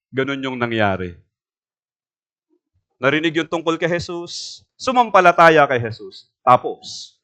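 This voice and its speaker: A man preaches in a church, putting questions to the congregation and telling a homely story. His voice sits high and rings clean, with a bright, forceful edge. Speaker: pastor. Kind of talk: sermon.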